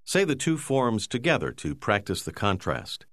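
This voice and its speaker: A man narrating a language course, giving slow, clear, measured prompts. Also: fairly low pitch, wildly swooping pitch, a bit bright, no echo, clean studio sound. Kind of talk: scripted instructional narration.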